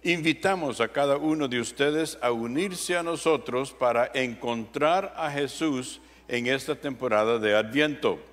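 A deacon slowly reads out parish announcements, sometimes tripping over a word. His voice sits at a middle pitch. The church's long reverb hangs behind him. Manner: careful reading with small stumbles. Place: large church sanctuary. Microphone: far camera.

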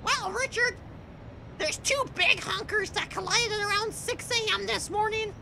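A performer playing an excitable male field reporter in a cartoon news parody, exclaiming in a creaky, drawn-out way. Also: very high voice, noisy background, heavily acted. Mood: excited reporting.

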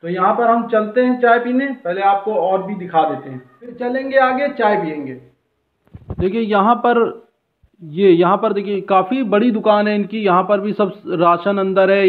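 Guy vlogging food, fairly high voice, tinny phone-line sound. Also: normal speed. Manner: chatty, guiding the viewer along. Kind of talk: casual walking food-vlog narration. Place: outdoor street and busy food shop. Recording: tinny phone-like street recording.

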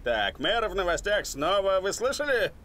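A man's voice: high-pitched, very animated, normal speed, pushed and bright, exaggerated voice. A man voicing a dim, vain cartoon echidna playing TV host, with stilted, clumsy bad acting as he reads out jokes. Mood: clueless, stilted. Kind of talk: animated cartoon dub.

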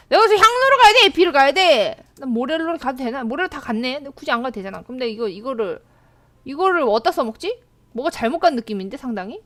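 A young woman with a high, bright voice commentates her game live. Her pitch jumps all over the place, and she turns excitable, letting out shrieks and laughs whenever something startles her. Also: no echo. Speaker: game streamer.

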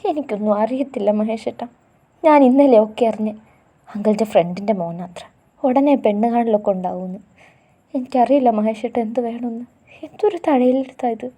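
A woman's voice: on the high side, steady tone, a little fast, pauses often, breathy edge. A woman voicing a tearful young college girl. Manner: soft, tearful, pleading.

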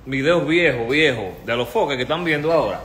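A Dominican man hosting a live stream with his baby son, teasing and laughing, at times breaking into high squeals. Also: expressive, brisk, a bit bright, a little hiss or hum. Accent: Dominican Spanish. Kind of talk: playful live-stream chat.

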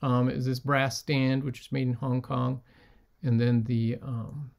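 A man at a middle pitch with a gravelly edge to his voice. He talks in a relaxed, chatty way, filling pauses with ums as he shows what he sold. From United States. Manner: relaxed, many ums, holds up items. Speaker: reseller showing sold items. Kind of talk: casual vlog talk.

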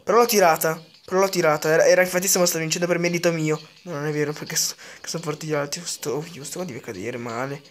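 A man giving excitable live gameplay commentary as a gaming channel host, swearing a lot and repeating words in rapid bursts. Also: a little high.

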